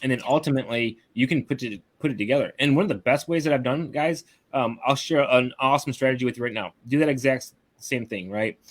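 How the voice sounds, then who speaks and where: A man's voice: mid-range voice, fast talker, few pauses. Guy coaching marketing over a video call, laid-back, keeps going "right?". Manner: casual, tags lines with "right?". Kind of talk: live webinar teaching.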